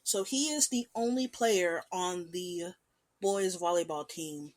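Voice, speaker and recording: A woman hosting a casual show, talking about an anime in an animated, chatty way with lively swings in pitch and loudness. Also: slow pace. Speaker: podcast host.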